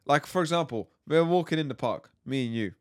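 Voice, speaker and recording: A man's voice: on the high side, dry recording. Teasing British man on a dry mic. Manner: joking, teasing, quick to laugh. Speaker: podcast co-host. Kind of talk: casual chat.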